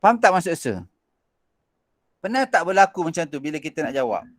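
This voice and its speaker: A man's voice: on the high side, sing-song, brisk. A Malaysian man teaching an online physics revision class, mixing in English, with frequent fillers and restarts.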